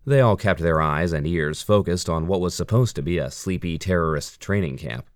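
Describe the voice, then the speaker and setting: A man narrating a military thriller audiobook in a steady, even storytelling manner. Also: low voice, normal speed, dry recording, studio quality.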